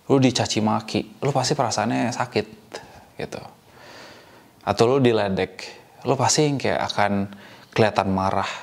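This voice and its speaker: A man's voice: on the low side, gravelly. A young man giving direct, coaching advice in a casual talk, slipping in English phrases.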